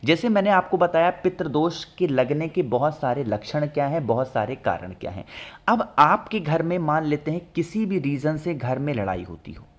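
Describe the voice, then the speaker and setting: A man's voice: on the high side, very animated, moderate pace. A man explaining home ritual remedies in a chatty instructional talk, often checking in with viewers. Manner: chatty, repeats "ठीक है ना", addresses viewers directly. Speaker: astrology remedies presenter. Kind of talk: instructional talk with product pitch.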